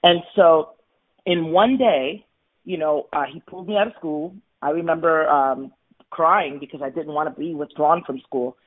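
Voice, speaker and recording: Over a tinny, phone-like line, a Floridian woman in her forties candidly shares personal stories, earnestly recounting her life as an interview guest. She speaks at a moderate pace in a low-pitched voice.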